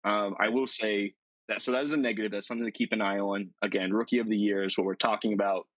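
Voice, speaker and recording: Husky, low-voiced man, opinionated podcast co-host, dry close sound. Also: steady tone, fast, no room sound, poor audio. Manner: opinionated, argues at length. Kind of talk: casual sports chat.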